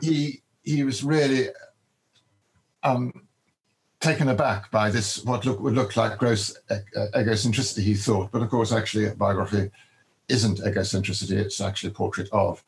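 An older man, a biographer, answering interview questions in a halting way, with many ums and restarts. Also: fairly low pitch, steady tone, creaky, rough recording.

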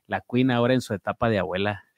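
A man with a Mexican accent co-hosting a casual celebrity gossip chat, relaxed and reactive. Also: fairly low pitch, fast, no room sound, highs cut off. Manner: relaxed, brief reactive interjections. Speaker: show producer and co-host.

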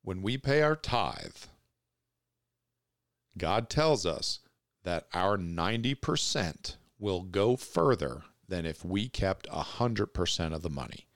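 A man's voice: low voice, lively intonation, slow, dry recording, studio quality. A pastor preaching a sermon, reading scripture aloud and explaining it plainly and earnestly to his congregation.

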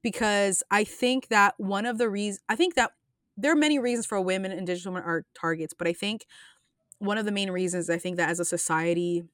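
A woman's voice: medium pitch, a little fast, a bit bright, no echo, studio quality. A woman hosting a podcast, talking casually and earnestly, rambling with frequent restarts and fillers. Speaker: podcast host.

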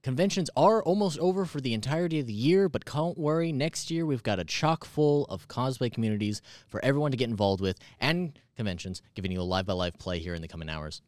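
Guy putting on a peppy morning news anchor voice, pitched up and loud, swings all over. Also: lively intonation, quick pace, hardly any pauses, no room sound, studio quality, natural voice. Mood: chipper. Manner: bright announcer delivery, projected.

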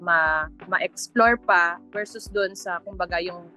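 A Filipino woman in her thirties answering as a podcast guest, mixing Tagalog and English in the same sentences and pausing to search for words. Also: on the low side, sharp tone, faint music behind. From Philippines. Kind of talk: conversational interview answers.

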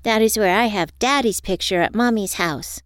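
A woman's voice: medium pitch, moderate pace, dry recording, studio quality, voice pushed up, close to an everyday voice. A woman voicing a sweet, eager, affectionate young girl in an audio story. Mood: earnest.

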